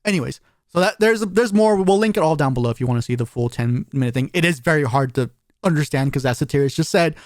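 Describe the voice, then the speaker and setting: A man with a fairly high voice chats through a podcast episode, rambling and animated, breaking into laughs. The sound is dry and close, with almost no room around him. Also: quick pace, no echo. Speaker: podcast co-host. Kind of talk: casual podcast chat.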